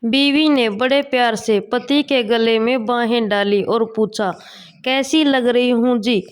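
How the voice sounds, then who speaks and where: A woman reads one short joke after another in a fairly high voice. She keeps an unhurried, deliberate pace and lets each punchline land. The delivery is plain comedy-channel joke reading. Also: fairly even intonation, clear, resonant tone. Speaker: joke reader. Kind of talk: reading jokes aloud.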